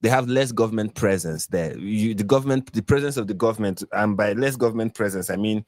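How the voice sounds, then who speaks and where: A man from Nigeria with a Nigerian accent, a podcast guest explaining things in a measured way over a video call. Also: fairly low pitch, darkish tone, dry recording. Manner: measured, explanatory, with fillers and lists. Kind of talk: explaining in a live stream interview.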